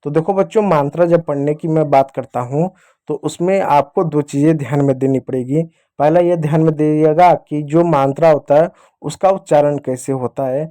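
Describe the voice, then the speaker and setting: A man's voice: on the high side, normal speed, dark tone. A man teaching a beginner Hindi reading lesson, patiently repeating key points and talking to his viewers as children while he writes with a pen. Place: teaching at a board or screen with a pen.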